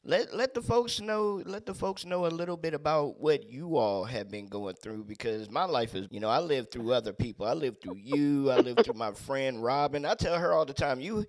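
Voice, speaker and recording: A man hosting a casual talk show, animated and laughing often. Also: medium pitch, moderate pace, few pauses, dry recording. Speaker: podcast host. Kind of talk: casual chat.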